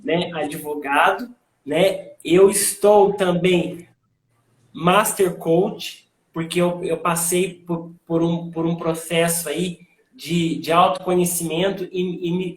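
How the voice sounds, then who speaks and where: A man, a lawyer speaking as a guest on a live online interview over a video call. He talks in a measured, reflective way. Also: sits high, fairly even intonation, roomy sound. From raised in Minas Gerais, Brazil.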